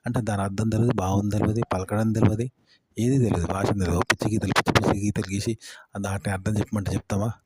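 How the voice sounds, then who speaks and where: A man gives a talk-to-camera lesson in a fairly low voice. He repeats himself, lists words one after another and keeps asking rhetorical questions. A faint hiss and a few clicks sit under the recording. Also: steady tone, quick pace. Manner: repetitive, rhetorical questions, listing word after word. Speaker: YouTube tips presenter.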